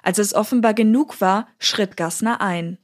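A woman telling a historical account in calm, measured scripted narration. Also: mid-range voice.

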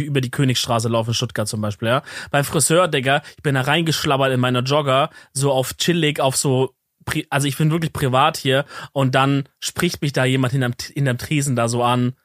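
A man's voice: mid-range voice, a bit bright, dry recording. Young guy cohost chatting loose and slangy, dead dry mic. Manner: slangy, reacting, thinking aloud. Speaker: podcast co-host. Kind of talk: casual chat.

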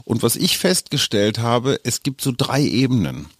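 A man's voice: medium pitch, very animated, moderate pace, dry recording. A man in his fifties co-hosting a casual podcast, chatty and joking, with frequent tag questions. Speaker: podcast co-host.

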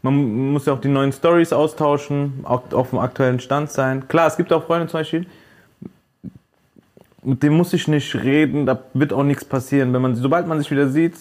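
A man co-hosting a podcast in casual chat, animated and quick to get worked up, full of street slang. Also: mid-range voice. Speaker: podcast co-host.

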